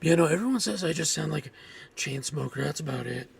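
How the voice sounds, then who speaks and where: A man streaming a game in casual chat, with a gravelly, smoker-like voice and a laid-back, offhand way of talking. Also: on the high side, lively intonation, fast. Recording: clear background noise.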